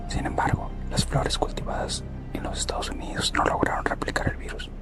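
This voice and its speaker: An ASMR content creator whispers a scripted roleplay slowly and deliberately, playing a corporate recruiter who recounts the company's history. The whisper is recorded up close, over loud background music.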